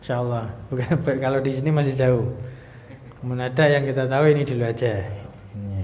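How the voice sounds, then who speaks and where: A man teaching Arabic grammar at a mosque study class, explaining step by step and clearing his throat often. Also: medium pitch, fairly even intonation, a little fast, a little mellow. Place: mosque hall. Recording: roomy, echoey hall, dull lo-fi sound.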